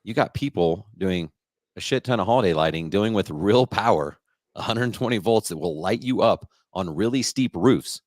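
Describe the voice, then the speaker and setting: A man's voice: on the low side, expressive, moderate pace, a little mellow, dry recording, clean studio sound. A middle-aged man with a confident, explanatory manner, talking about his business in a casual interview. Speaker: lighting business coach.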